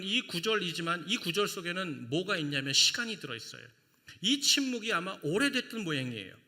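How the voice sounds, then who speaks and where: A male pastor delivers a sermon, pressing his points with rhetorical questions. His voice is high, very bright and widely swinging in pitch, and it carries the long reverb of a church sanctuary. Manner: emphatic, asking rhetorical questions.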